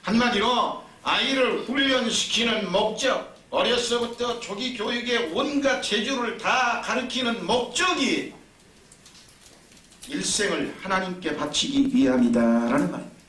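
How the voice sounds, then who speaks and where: Bright-voiced pastor preaching in a roomy church. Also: male voice, high-pitched, a little slow. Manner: storytelling, lively and emphatic. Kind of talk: sermon. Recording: roomy, distant mic, faint noise.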